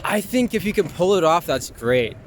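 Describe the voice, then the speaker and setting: A young adult man from Long Island, New York, a performer, chats casually in an outdoor street interview in a city park, with clear traffic noise around him. His fairly high voice swings widely in pitch at normal speed. He's informal and self-deprecating, swearing freely and saying "like" a lot.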